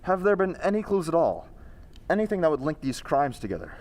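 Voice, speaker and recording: Guy doing cool gentleman sleuth, old radio mystery, formal and nosy, very lively intonation. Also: a little high, brisk. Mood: inquisitive, composed. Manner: formal, inquisitive.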